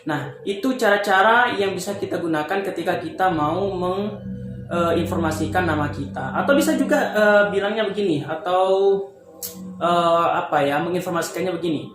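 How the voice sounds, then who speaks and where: High-voiced young man teaching in echoey room. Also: fairly bright tone, soft background music. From Indonesia. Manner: explains slowly, many fillers, spells out English examples. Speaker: English teacher. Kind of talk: casual lesson. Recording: very echoey room, faint background noise.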